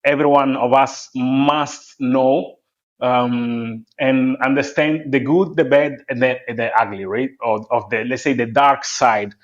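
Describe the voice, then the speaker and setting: A man hosting a podcast as a health coach, asking questions in a halting way with many restarts. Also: medium pitch, steady tone. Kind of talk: podcast interview. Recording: dull lo-fi audio.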